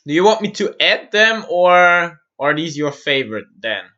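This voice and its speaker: A man from Austria, muttering to himself while he works through a software build on a live-stream tutorial and answering viewers' questions. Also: fairly high pitch, sing-song, normal speed, lo-fi sound.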